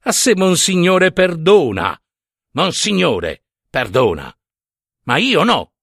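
A man voicing an old peasant father, seething with restrained fury that breaks into shouts, in a dramatized story reading. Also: lowish voice, sing-song, slow, husky, dry recording, studio quality, exaggerated voice. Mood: indignant.

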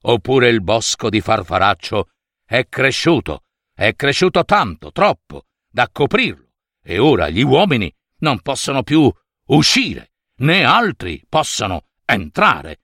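A man's voice: medium pitch, a little slow, no echo, studio quality, exaggerated voice. A man doing a cautious old father snail. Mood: grumbling. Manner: calm, grumbling. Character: father snail, older male, cautious and content.

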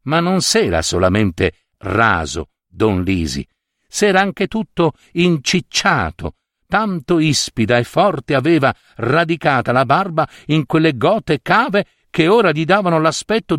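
A man reading a literary short story aloud in an expressive, theatrical way. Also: on the high side, measured pace, no echo, studio quality. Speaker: narrator.

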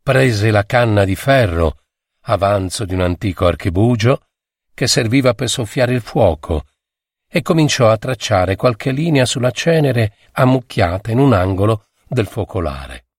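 Gravelly male storyteller, dry sound. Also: on the low side, expressive, no room sound. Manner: measured, dramatic reading. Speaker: narrator. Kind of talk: scripted audiobook narration.

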